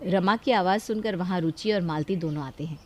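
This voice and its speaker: A woman narrating a cartoon story in a steady, scripted storytelling manner. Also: lowish voice, brisk, soft background music.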